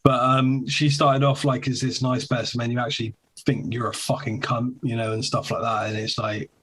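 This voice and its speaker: A man's voice: medium pitch, flat delivery, moderate pace, a bit bright, slightly rough. Sweary rambling man. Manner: sweary, rambling, keeps asking "do you know what I mean". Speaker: podcast co-host. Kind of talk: casual chat.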